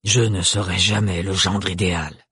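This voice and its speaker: A curt, emotionless young suitor speaks slowly and low, every word flat and unbothered, as a male narrator puts him on. The voice is husky and sits close and dry. There is no warmth anywhere in it. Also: dry recording, full character voice. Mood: cold, flat. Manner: flat, neutral, unhurried delivery. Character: cold, curt young man, emotionless and blunt.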